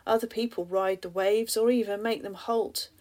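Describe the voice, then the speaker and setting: Soft and often breathy to the point of a half-whisper, a woman's mid-range voice carries rhyming spoken-word poetry in a steady tone and moderate pace. Occasionally she addresses the listener with reflective questions.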